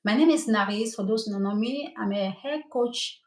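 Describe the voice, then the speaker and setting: A woman's voice: on the high side, normal speed, a little mellow, reverberant. A middle-aged woman from Cameroon with a Cameroonian French accent, a native French speaker, teaching hair care on a live stream. She talks with eager enthusiasm and keeps checking in with her listeners. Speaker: hair coach and cosmetologist.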